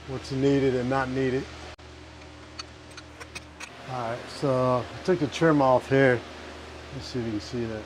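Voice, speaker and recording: A man casually narrating his hands-on work in a vlog, muttering to himself in an offhand way and swearing now and then. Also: mid-range voice. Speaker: DIY vlogger. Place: inside a food truck. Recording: clear vehicle and fan noise.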